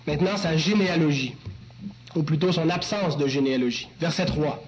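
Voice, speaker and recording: High-voiced man preaching a sermon. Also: fairly quick, crowd noise, low-quality recording. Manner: teacherly, joking asides to the congregation. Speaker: pastor. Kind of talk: expository sermon.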